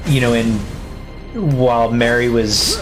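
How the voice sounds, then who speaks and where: A man's voice: medium pitch, little pitch movement, unhurried, over music. A man co-hosting a casual stream chat, hesitant and restarting his sentences. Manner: hesitant, many ums and restarts. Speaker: stream co-host.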